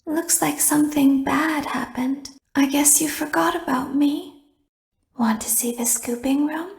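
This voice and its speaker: High, creaky, creepy animatronic. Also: female voice, steady tone, measured pace, echoey room. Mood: taunting.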